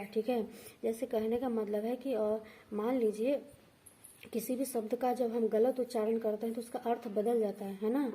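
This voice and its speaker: A woman guides viewers through a devotional ritual in a mellow, slightly high voice. She is patient and repeats every step, checking in after each one. A faint hiss sits under her voice. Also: rough recording. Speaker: astrology and vastu teacher. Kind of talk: devotional how-to instruction.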